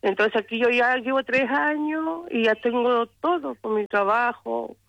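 A woman's voice: fairly high pitch, unhurried, vocal fry, fairly bright tone, dry recording. Hesitant Chilean woman on a phone line. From southern Chile. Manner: hesitant, repeats words. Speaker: caller. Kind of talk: phone-in testimony.

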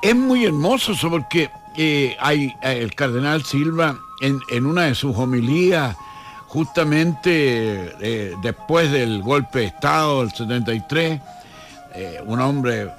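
A man's voice: mid-range voice, animated, takes it slowly, soft background music. A Chilean man, a historian, answering in a radio interview, thoughtful and often restarting his words. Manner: hesitant, repeats words, reflective. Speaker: historian guest.

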